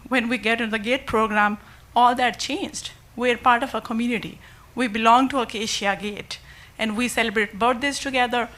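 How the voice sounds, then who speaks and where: A woman's voice: on the high side, sharp tone. Earnest mother pleading. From Nepal. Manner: earnest and emotional, pleading with the board. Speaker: parent giving public comment. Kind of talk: public comment at a school board meeting. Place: school board meeting room.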